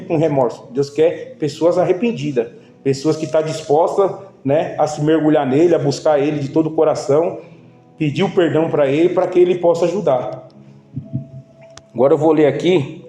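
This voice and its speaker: A man preaching to his congregation in a loose, heartfelt way, speaking to them as brothers. His voice sits a little high but sounds mellow and dark. The room is echoey, with faint music underneath. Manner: informal, emotional, addresses the congregation as brothers. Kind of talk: sermon. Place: church.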